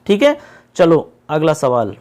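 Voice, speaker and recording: Guy with a high voice going through exam questions, repeats stuff a lot, slow on the readouts. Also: wildly swooping pitch, darkish tone. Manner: patient, repeats key points, reads questions slowly. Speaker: teacher. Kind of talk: exam-prep lesson.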